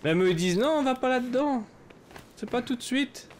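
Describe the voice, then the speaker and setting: A man commentating his solo survival game, chatty and rambling with many fillers, often breaking into excited shouts. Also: very high voice, a little fast, noisy background. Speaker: gaming YouTuber.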